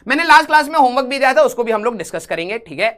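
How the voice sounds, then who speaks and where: In rapid-fire bursts, a man with a very high-pitched, sing-song, pushed and bright voice teases his students with banter in a live online physics class. He switches to English to read the questions.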